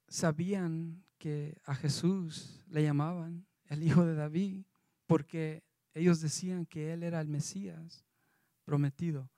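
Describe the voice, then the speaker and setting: A man's voice: a little high, mellow, no echo, clean studio sound. A man preaching a sermon, reading scripture aloud in a loose, conversational way.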